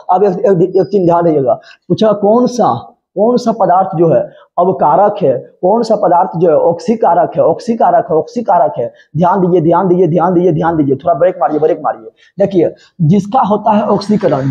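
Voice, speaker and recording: Man teacher, high voice, dull lo-fi recording, repeats questions and answers. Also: mellow. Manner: repetitive call-and-response drilling, playful. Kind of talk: chemistry lesson for exam prep.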